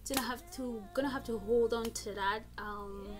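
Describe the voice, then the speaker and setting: This young adult woman has a fairly high, fairly evenly intoned voice and talks at a normal speed. She's a beauty vlogger casually chatting through a makeup tutorial in a small room at home, captured on a smartphone at about arm's length while music plays behind her.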